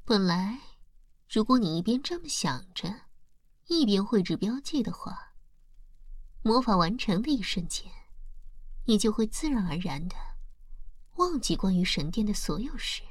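A woman voicing a seductive female demon lord in an ASMR hypnosis roleplay, whispering slowly and softly with a breathy voice. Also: mid-range voice, sing-song, no echo. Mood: coaxing. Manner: slow soft whispering.

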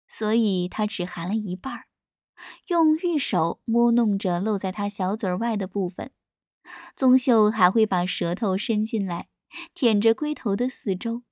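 Female narrator for an adult audio story, steady read, medium pitch, dry recording. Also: no room sound. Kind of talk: scripted narration of an erotic story.

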